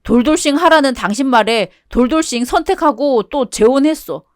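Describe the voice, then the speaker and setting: A whiny, clingy ex-husband in a storybook radio drama, as a woman reader puts him on. He pleads and wallows in self-pity, desperate to be taken back. The voice sits fairly high. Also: animated, normal speed. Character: whiny cheating ex-husband, middle-aged man, desperate. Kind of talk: one-voice radio drama reading.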